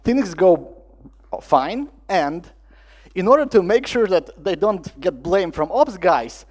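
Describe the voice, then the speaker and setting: Male conference speaker, higher voice, animated storyteller. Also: slow pace. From Latvia. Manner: lively storytelling with acted-out dialogue and non-native phrasing. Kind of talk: conference talk.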